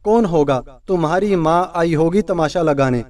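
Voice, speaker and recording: A man's voice: a little high, darkish tone, recorded from a distance, lightly acted. A man voicing a sulky, scheming young wife who complains and accuses tearfully. He keeps close to his own voice, set back from the mic. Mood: angry.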